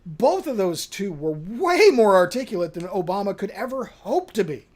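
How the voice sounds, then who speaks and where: Man, podcast co-host, blunt, opinionated, lively pitch. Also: moderate pace. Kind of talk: casual chat.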